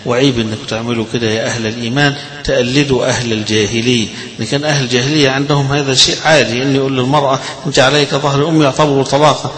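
A man with an Egyptian Arabic accent teaching a religious lesson on Quran readings and their meaning, moving between chatty explanation and slow, drawn-out recitation. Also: mid-range voice, fairly even intonation, fairly bright tone, poor audio.

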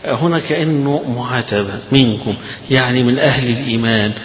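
A man with an Egyptian Arabic accent teaching a religious lesson on Quran readings and their meaning, moving between chatty explanation and slow, drawn-out recitation. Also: mid-range voice, fairly bright tone, a little hiss or hum, rough recording.

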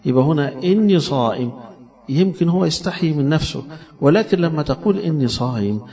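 Gravelly Egyptian preacher man. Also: expressive, fast talker. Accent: Egyptian Arabic. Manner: swings between emphatic raised lines and soft low asides. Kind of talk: sermon.

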